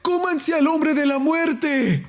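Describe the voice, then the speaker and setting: Shrill, childlike creatures locked inside chests, pitched far above a normal speaking voice. They sound hollow and distant, as if calling out from somewhere else. They cry over and over for their mother in a frantic, desperate rush. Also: slow. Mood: frantic chanting. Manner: frantic repeated cries for mother.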